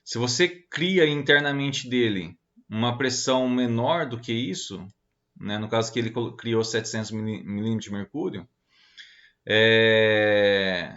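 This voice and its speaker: A man's voice: medium pitch, measured pace, fairly bright tone, dull audio. Casual man teaching a lesson. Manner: casual, hesitant, many fillers and tag questions. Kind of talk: online lecture explaining slides.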